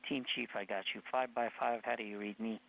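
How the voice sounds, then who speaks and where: A man's voice: fairly low pitch, steady tone, brisk, creaky, a bit bright, rough recording. A man speaking as a flight director, calling out checks and polls in procedural radio language. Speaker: flight director running a poll.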